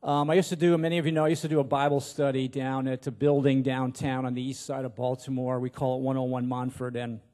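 This pastor, a man in his sixties, speaks quickly in a flat, mellow, mid-range voice with few pauses. Holding a handheld mic at the pulpit of a large church auditorium, he gives a hesitant, self-deprecating, folksy informal sermon.

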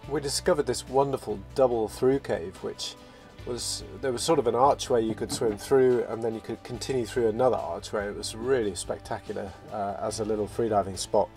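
A man narrating his sailing vlog in a relaxed, reflective voice-over, often restarting his phrases. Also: lowish voice, brisk, few pauses. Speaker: sailing vlogger. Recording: voice-over with loud music behind.

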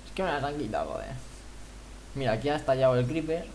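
A man's voice: medium pitch, sing-song, fast talker, darkish tone. A man playing a game with a friend, panicky and exclamatory, often crying out and swearing. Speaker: gamer co-player. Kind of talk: casual gameplay commentary.

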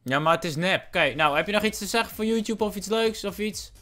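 A young man, a YouTuber, chatting with strangers on a webcam, teasing and playful with sudden loud bursts. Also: high-pitched, brisk, soft background music. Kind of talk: casual video chat with strangers.

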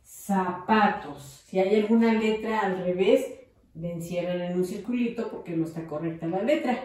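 A woman's voice: mid-range voice, moderate pace, warm tone, recorded from a distance. A woman teaching young children in a patient, encouraging way, dictating words and drawing them out. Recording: very echoey room, voice off-mic.

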